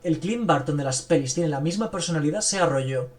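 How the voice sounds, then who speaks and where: Chatty man, slightly high voice. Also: animated, brisk. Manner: enthusiastic, rambling, frequent fillers. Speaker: podcast host. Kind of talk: casual film review chat.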